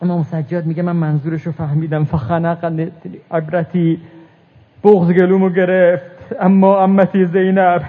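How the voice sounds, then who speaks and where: A man preaching a religious mourning sermon, reciting Arabic verses and moving between hushed telling and rising lament. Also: high-pitched, completely flat delivery. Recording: tinny phone-like recording.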